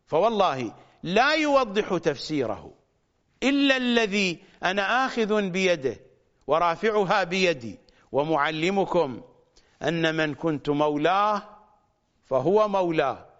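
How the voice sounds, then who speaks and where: A man preaching a religious sermon, stressing points by repeating phrases and stretching words out slowly. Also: high voice, a bit bright. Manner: slow, drawn-out words for emphasis. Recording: dull lo-fi recording.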